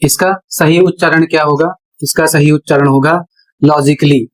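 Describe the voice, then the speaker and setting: A man's voice: a little high, steady tone, normal speed, rough recording. A man teaching English pronunciation at a board in a classroom-style lesson. He spells words out letter by letter and poses questions that he answers himself.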